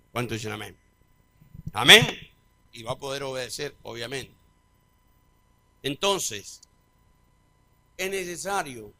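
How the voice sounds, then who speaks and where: Man preaching, bright ringing tone, dry close sound, call-and-response delivery. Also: medium pitch, vocal fry, no echo. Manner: call-and-response preaching, big swings in loudness. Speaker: pastor. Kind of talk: sermon.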